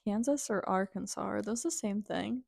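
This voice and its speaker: A woman's voice: mid-range voice, moderate pace, creaky, a little mellow. A young woman co-hosting a podcast in casual gossip chat, giggly and gushing. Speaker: podcast co-host.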